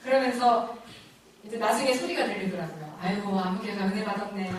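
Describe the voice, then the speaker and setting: A middle-aged woman giving a personal faith testimony at a church lecture, telling her story in an animated, emotional way and laughing often. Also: a little high, very echoey, distant mic, poor audio.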